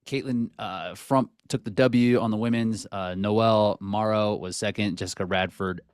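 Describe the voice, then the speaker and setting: A man's voice: fairly low pitch, steady tone, normal speed, clear, resonant tone, no room sound, studio quality. A man co-hosting a podcast, chatting casually and running through race results. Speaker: podcast co-host. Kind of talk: casual chat.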